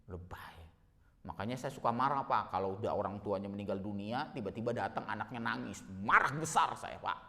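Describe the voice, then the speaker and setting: A male Islamic preacher delivering an emotional sermon, swinging from soft murmurs to loud exhortation. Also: fairly low pitch, brisk, big-room sound.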